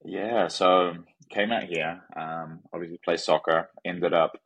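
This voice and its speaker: A man's voice: low voice, unhurried, no echo, lo-fi sound. A young man with a New Zealand accent, a podcast guest chatting casually with lots of restarts. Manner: relaxed, frequent restarts and fillers. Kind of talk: casual conversation.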